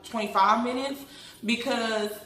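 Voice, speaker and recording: A bright-voiced woman talks with braces, giving her speech a noticeable lisp. She chats casually in a rambling vlog style, recorded in a roomy, echoey space. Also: a little high, steady tone, measured pace. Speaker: vlogger. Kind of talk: casual chatty vlog to followers.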